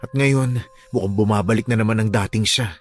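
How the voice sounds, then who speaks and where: A man voicing a caring, protective young man who speaks calmly and reassuringly in a radio drama. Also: lowish voice, a little fast, faint music behind, close to an everyday voice. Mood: remorseful. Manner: calm, reassuring.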